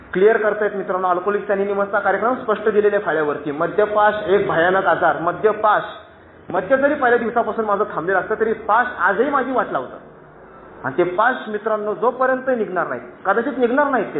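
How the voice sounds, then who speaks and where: The speaker is a man in his thirties from Maharashtra with a high voice, offering an earnest and emphatic personal testimony from a dais at a recovery meeting while often calling out to friends. The sound is echoey and tinny, like a phone, with slight background noise.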